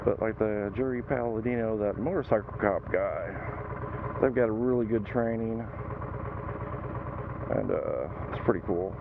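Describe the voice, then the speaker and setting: A man's voice: on the low side, unhurried, long pauses. A man chatting casually and rambling in a folksy, colloquial way as he gives riding advice aboard his motorcycle. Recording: tinny helmet intercom, loud vehicle noise. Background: loud engine and road noise.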